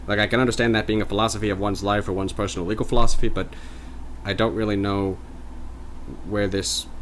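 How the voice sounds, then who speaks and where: A man's voice: fairly low pitch, little pitch movement, fast talker, slight background noise, low-quality recording. A man hosting a casual history commentary, sarcastic and rambling, with swearing asides. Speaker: host.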